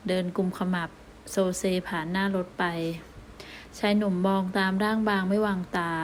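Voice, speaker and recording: A woman reading a romance novel aloud as an audiobook narrator, calm and even. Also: medium pitch, slight background noise.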